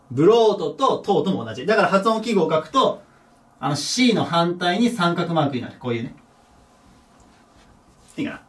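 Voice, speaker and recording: A man teaching a recorded English pronunciation lesson, animated, dropping low to repeat example words. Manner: lively, drops to a low murmur for example words. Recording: voice a bit distant from the mic.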